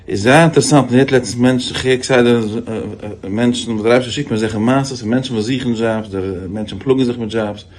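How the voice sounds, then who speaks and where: Speaking briskly in a mid-range voice with hardly a pause, a rabbi tells stories in a sermon about faith. He is animated, restarts his phrases repeatedly, and raises his voice sharply for quoted lines; a little background noise is audible.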